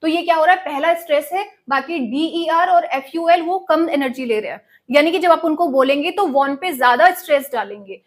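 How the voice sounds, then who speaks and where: A woman's voice: high-pitched, animated, fairly quick, hardly any pauses. A young woman teaching English literature in an online exam-prep lesson, explaining step by step and having students repeat words aloud.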